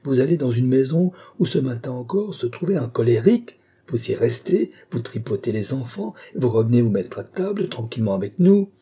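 A man voicing a blustering, cowardly gentleman in an audiobook, agitated and indignant, insisting he fears nothing. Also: on the low side, animated, brisk, husky. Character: blustering, cowardly gentleman who claims no fear. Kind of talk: audiobook character voice.

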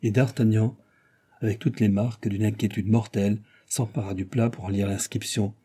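A man reading a novel aloud as scripted narration, lively and raising his voice for shouted lines. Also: fairly low pitch, moderate pace, breathy edge. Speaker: audiobook reader.

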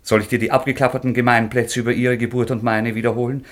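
An actor playing an impulsive young nobleman in a radio drama, speaking low, earnest and quietly intense. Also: level tone, quick pace, natural voice. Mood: defiant. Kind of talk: studio radio drama acting.

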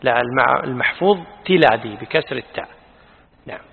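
A man teaching as a sheikh, correcting a student's reading and explaining the text in a measured way. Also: mid-range voice, creaky, a little hiss or hum. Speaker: sheikh teaching Quran commentary. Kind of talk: scholarly commentary in a lesson. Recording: phone-like with long reverb.

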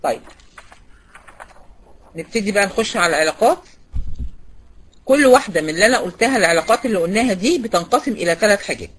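With a husky, medium-pitched voice, a woman with an Egyptian Arabic accent teaches an online recitation class, asking students questions by name and repeating the key points. She's animated and fast, yet leaves long pauses.

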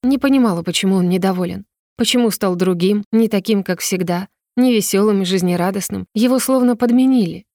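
A woman narrates a storybook in the first person, her reading emotional and rising in pitch on the heroine's words. Her voice sits at a middle pitch. The recording is close and dry. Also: brisk, mellow, no room sound. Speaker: audiobook narrator.

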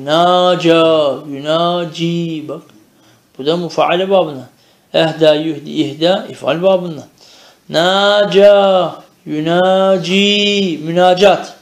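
A man with a somewhat high, gravelly voice teaching a traditional Arabic grammar lesson. He recites verb forms in rhythmic chanted drills. Between them he explains in Turkish and keeps checking that his students follow. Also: reverberant.

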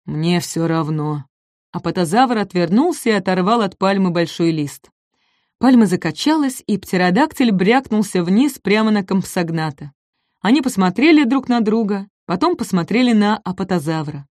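A woman's voice: mid-range voice, lively intonation, moderate pace, darkish tone, no room sound, clean studio sound. Woman reading a children's story.

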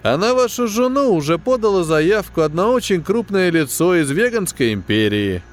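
A man reading an audiobook, voicing a plump, smug male space-station quartermaster who talks in a condescending, falsely sympathetic, drawn-out way. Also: high voice, big pitch swings, pitched above the performer's own voice. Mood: smug, patient. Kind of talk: audiobook character voice.

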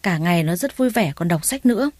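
Casting: a woman reading as an older mother-in-law, fretful and doting, slow and soothing, mellow dry tone. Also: lowish voice, lively intonation, no echo. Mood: bewildered.

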